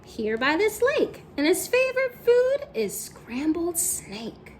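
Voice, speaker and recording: A woman puts on a small, cheeky storybook mouse with a very high, sing-song voice. The mouse is elaborately polite and quietly teasing. The pitch swoops up and down over faint background noise. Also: very animated, slow, heavily acted. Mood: boastful, teasing.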